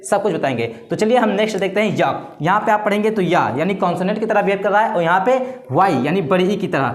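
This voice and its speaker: A man teaching a grammar lesson who keeps posing rhetorical questions and answering them himself. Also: high voice. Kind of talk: explanatory classroom-style lesson. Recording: roomy echo.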